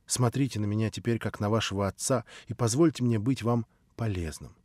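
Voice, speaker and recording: A man reading an audiobook, voicing a scheming, condescending aristocratic prince with a smooth, ingratiating manner. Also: fairly low pitch, fairly quick, darkish tone, no echo, studio quality, lightly acted. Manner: smooth, ingratiating, then sneering.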